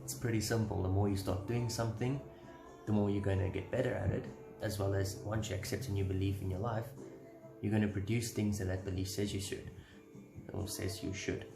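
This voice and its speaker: A man's voice: lowish voice, little pitch movement, brisk, creaky, echoey room, music in the background. A man giving a casual devotional talk, conversational and earnest, posing rhetorical questions to his listeners.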